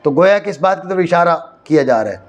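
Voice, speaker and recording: A man from Pakistan gives a classroom lecture in a fairly high voice. He often stops to ask whether his students are following. He slowly repeats key phrases to drive a point home. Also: animated. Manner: checks understanding, repeats phrases slowly for stress. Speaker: teacher of Arabic grammar. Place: madrasa classroom.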